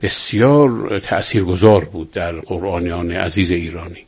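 A man speaking as a guest on a radio program, calm, respectful and measured. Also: deep voice, breathy edge. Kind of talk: radio conversation.

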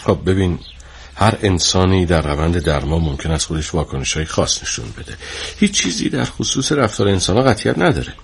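Drama role: kindly therapist with a lowish, steady, reassuring voice. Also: male voice, slightly rough. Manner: calm, soothing, reassuring. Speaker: clinic therapist. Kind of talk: TV drama acting.

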